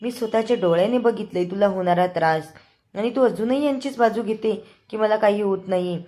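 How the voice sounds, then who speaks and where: A woman's voice: medium pitch, fairly quick, warm tone, pitched above the performer's own voice, lightly acted. A woman playing an indignant rich sister-in-law. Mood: accusing. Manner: scolding, shocked.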